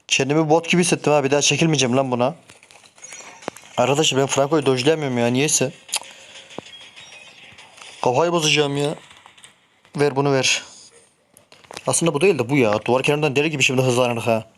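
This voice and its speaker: Excitable young gaming streamer. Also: male voice, medium pitch, brisk, pauses often, slight background noise. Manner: excitable, swears and grumbles at teammates. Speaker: gameplay streamer. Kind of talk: casual live game commentary.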